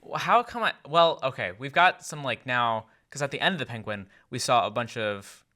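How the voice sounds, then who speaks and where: A young man co-hosting a podcast, chatting in quick animated rambling bursts. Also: mid-range voice. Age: young adult. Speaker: podcast co-host. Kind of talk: casual chat.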